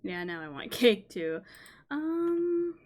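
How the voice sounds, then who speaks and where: A woman's voice: on the high side, big pitch swings, takes it slowly, a little mellow. A woman streaming from home, chatting casually and swearing freely as she watches videos. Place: indoors at home.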